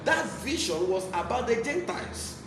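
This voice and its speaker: A man's voice: very high voice, big pitch swings, normal speed. A man with a Nigerian accent preaching a Bible teaching sermon in an emphatic, repetitive way. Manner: emphatic, repeats key phrases. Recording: echoey room, clear background noise.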